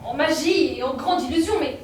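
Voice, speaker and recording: A woman's voice: sits high, a little fast. Young woman acting on a school stage. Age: young adult. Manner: pleading, then shouting insults. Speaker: student actor. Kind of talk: stage play performance. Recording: echoey room, far from the mic, noisy.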